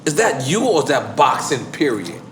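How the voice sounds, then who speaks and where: Host, man, animated delivery, roomy off-mic recording with noise. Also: mid-range voice, moderate pace. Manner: short backchannel affirmations. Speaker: podcast host. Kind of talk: casual interview chat.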